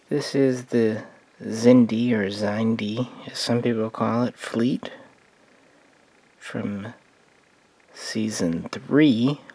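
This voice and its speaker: A man giving a relaxed, meandering spoken overview of his collection of model starships, thinking aloud as he goes. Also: lowish voice, gravelly, no echo. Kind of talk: casual hobby overview.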